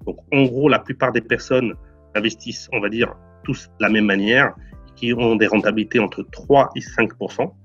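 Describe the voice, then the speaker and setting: A Portuguese real estate investor in his forties answers interview questions earnestly, often stumbling and repeating words. His husky, mid-pitched voice is steady, fairly bright and at normal speed, in a slightly dull, lo-fi recording with faint music behind.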